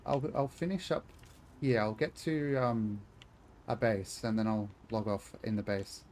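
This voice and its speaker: A man's voice: fairly low pitch, steady tone, a little slow, a little mellow, slight background noise. Chatty man streaming a game. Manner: chatty, joking, talks to chat. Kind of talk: casual gaming stream chat.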